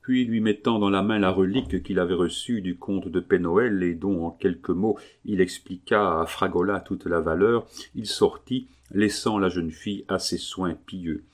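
Low-voiced man narrating a classic novel. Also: normal speed, few pauses. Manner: steady, expressive reading. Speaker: audiobook narrator. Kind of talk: literary audiobook narration.

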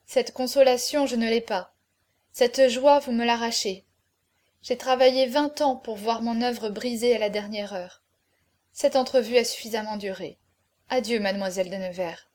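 A grave, noble hero facing his death speaks in solemn, measured sentences, read by a woman. The voice sits fairly high for the part and stays calm. It suits a classic adventure audiobook. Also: close to an everyday voice. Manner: solemn, measured farewell speeches. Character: noble condemned male hero, grave and tender. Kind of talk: audiobook character reading.

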